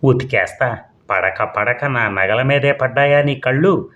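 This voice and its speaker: A man voicing a feisty, sharp-tongued middle-aged housewife in a comic audio story. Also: medium pitch, measured pace, lo-fi sound, pitched above the performer's own voice, natural voice. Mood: scolding.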